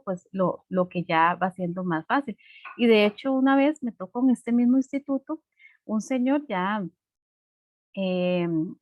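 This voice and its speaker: A woman's voice: mid-range voice, no room sound, phone-quality sound. A woman teacher giving a class, patiently explaining and checking in with "¿verdad?" often. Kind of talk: online class lesson.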